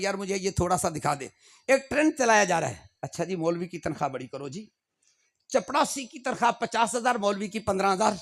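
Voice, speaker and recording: A middle-aged male preacher with a high, gravelly voice. He preaches with fervour and rises to emphatic calls. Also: a bit bright. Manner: fervent, shifting between Urdu and Punjabi, rising to emphatic calls. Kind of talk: sermon.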